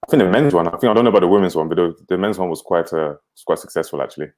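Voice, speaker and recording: Very deep-voiced young man chatting. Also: rapid-fire. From Cameroon. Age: 20s. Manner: relaxed, conversational, chuckles often. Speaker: guest, company co-founder. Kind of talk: livestream interview.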